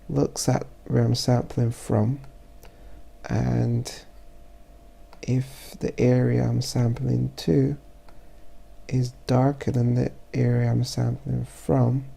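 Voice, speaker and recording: In a casual voice-over tutorial, a photographer walks through his editing with a stuffy, congested voice. It sounds deep-set and dark, heavily gravelly with a husky edge. He talks slowly and haltingly, pausing and starting over as he thinks out loud.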